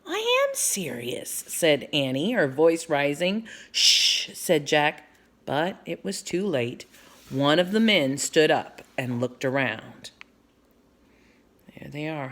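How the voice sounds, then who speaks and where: Slow, low-voiced woman reading aloud. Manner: warm, explanatory, speaking to children. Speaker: read-aloud storyteller. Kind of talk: reading a children's book aloud.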